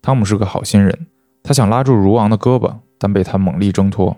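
A man reading a short story aloud as host, in calm, even narration. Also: fairly low pitch, fairly quick, no echo, faint music behind. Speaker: host and reader.

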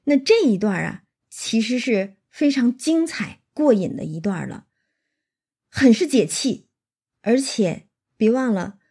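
A woman retelling a classic novel with lively, chatty asides to the listener. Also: medium pitch, slightly rough. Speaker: storyteller and commentator on a classic novel. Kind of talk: casual retelling with commentary.

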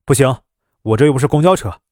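A man voicing an irritable middle-aged ambulance driver in a spoken story, snapping his retorts louder and faster. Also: mid-range voice, sing-song, no room sound, studio quality. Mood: irritated.

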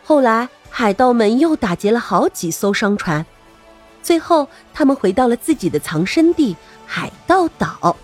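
A woman narrating a scripted story for children as host, expressive and playful, speaking directly to young listeners. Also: fairly high pitch, normal speed, soft background music.

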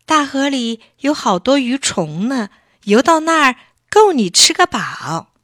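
A woman's voice: sits high, sing-song, unhurried, a bit bright, dry recording, studio quality, voice pushed up, exaggerated voice. A woman reading a children's storybook, voicing an old grandmother goldfish who coaxes and scolds. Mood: coaxing. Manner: scolding, motherly.

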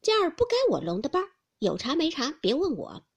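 女声演绎的伶俐能干的小丫鬟. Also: female voice, sits high, very animated, a little mellow, voice pushed up. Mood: pert. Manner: quick, eager, talks back pertly. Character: clever, eager young maid.

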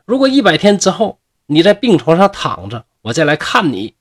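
A man voicing a proud female fox spirit who heals and scolds, in a husky voice with a raised pitch. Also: huge pitch swings, normal speed. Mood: indignant. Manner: scolding, exasperated.

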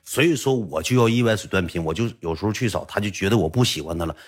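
Husky Northeastern Mandarin storyteller man. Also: lowish voice, animated, quick pace. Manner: folksy, rambling, colloquial. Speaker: livestream guild boss. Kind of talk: storytelling monologue.

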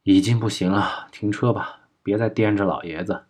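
A man reading an audiobook, voicing a grieving young man who speaks softly and quietly to his dying mentor, in a husky voice. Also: on the low side, steady tone, normal speed, close to an everyday voice. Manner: soft, subdued, heartbroken. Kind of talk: audiobook character voice.

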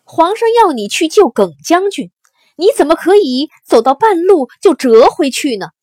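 A woman shouting as a tearful, furious soldier. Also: high voice, very animated, moderate pace, no room sound, voice pushed up. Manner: shouting, pleading. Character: tearful, furious male army envoy.

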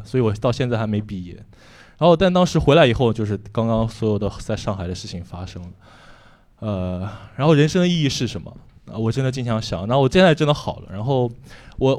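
A young stand-up comedian from Shanxi, China, speaks at medium pitch with a darkish tone. His set is frank, rambling and self-mocking, packed with fillers.

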